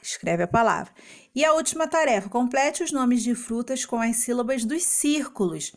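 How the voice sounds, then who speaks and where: Speaking a little high and with animation, a female teacher explains homework to small children in Brazilian Portuguese. She goes slowly and patiently, breaking words into syllables.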